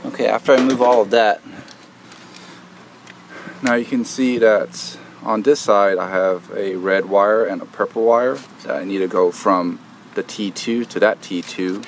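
Outdoors at an air conditioner unit, a male DIY video host walks through a repair step by step in a casual how-to style, hesitating often with fillers. His voice sits on the low side, with fairly even intonation and a measured pace. There is slight background noise.

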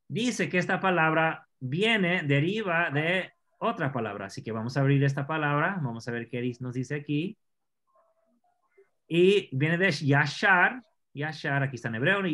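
A man teaching an online scripture class, explaining Hebrew words slowly and asking his students questions. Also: fairly high pitch, animated, fairly bright tone.

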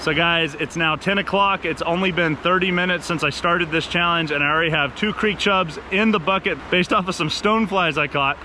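A man's voice: a little high, pushed and bright. A chatty man in his thirties talks straight to his viewers while fishing, upbeat and friendly, calling them guys. He records on an action camera held at arm's length outdoors by a river, with a faint wash of outdoor noise underneath. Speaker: fishing vlogger. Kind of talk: casual vlog narration to camera. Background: rushing river water.

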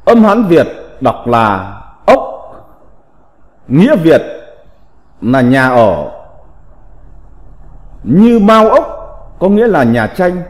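A man teaching a slow recited vocabulary lesson, reading in a deliberate, measured way with drawn-out syllables. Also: a little high, very animated. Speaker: teacher of classical characters. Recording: long reverb.

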